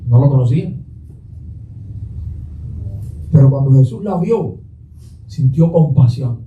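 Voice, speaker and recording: A man's voice: mid-range voice, lively intonation, normal speed, echoey room, distant mic, narrow, tinny audio, a little hiss or hum. A man pastor giving a Sunday sermon, putting questions to the congregation and answering them himself. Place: church sanctuary.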